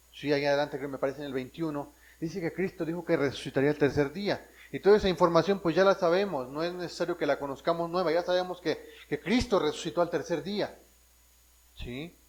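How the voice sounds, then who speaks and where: Higher-pitched man preaching a sermon. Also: a little fast, rough recording. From Mexico. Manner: teaching Bible verses, checking in with the congregation; frequent restarts and self-corrections. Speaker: pastor.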